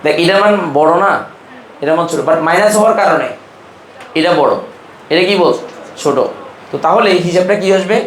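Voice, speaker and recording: A man from Bangladesh teaches a chemistry class in a high-pitched, fairly bright voice, echoing in the room over slight background noise. Informal and brotherly, he keeps quizzing his students with quick questions throughout the lecture.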